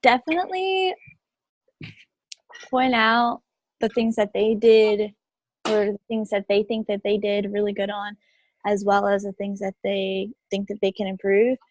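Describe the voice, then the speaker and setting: A woman in a sales training, calmly explaining how to review appointments. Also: mid-range voice, unhurried, long pauses, dry recording, low-quality recording. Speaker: sales team member in a training. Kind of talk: casual group discussion.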